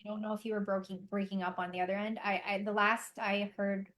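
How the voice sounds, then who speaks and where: A woman moderating an online panel, heard over a faint, clipped remote call line and speaking in hurried, halting checks. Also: mid-range voice, little pitch movement, a bit bright. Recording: distant, faint video-call audio.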